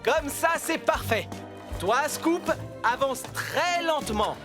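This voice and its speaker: A voice actor playing a friendly, practical builder boss in a French children's cartoon, giving clear, encouraging instructions. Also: high-pitched, expressive, takes it slowly. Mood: focused. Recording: music behind the voice.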